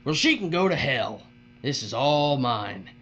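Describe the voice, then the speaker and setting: With a medium-pitched voice and a slightly slow delivery, a man plays a cruel, leering bully boss in a dystopian audio drama, gloating and bossy in a taunting drawl with folksy, uneducated grammar. Faint music sits behind him, and the muffled recording carries a steady mains hum.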